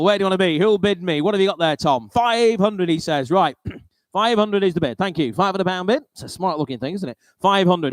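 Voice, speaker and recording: A man's voice: high voice, no room sound. A British man working as an auctioneer, calling lots and repeating bids in a rolling chant, with informal, chatty asides.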